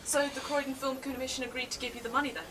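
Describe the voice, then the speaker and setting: A woman's voice: high-pitched, level tone, very fast, a bit bright, recorded from a distance, slight background noise. A woman interviewer in a mockumentary comedy, asking skeptical, probing questions.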